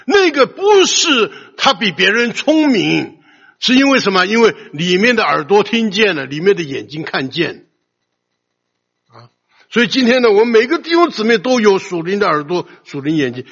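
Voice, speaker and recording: An older man preaches a sermon in a loud, emphatic voice that sits high and swoops up and down. His tone is gravelly and husky, and the recording is dull and lo-fi with a long hall reverb trailing each phrase. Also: sing-song, moderate pace.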